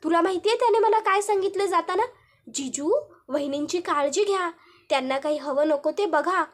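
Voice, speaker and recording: A woman's voice: very high voice, normal speed. A woman voicing a sly male villain from a TV serial, who taunts his victim in a mocking sing-song. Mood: taunting.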